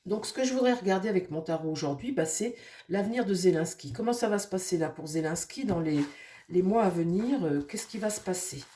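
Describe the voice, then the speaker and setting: A tarot reader with a cold talks through her nose in a fairly low, expressive voice at a brisk clip. She rambles casually, filling her speech with fillers, reading for viewers and murmuring softly to her cards.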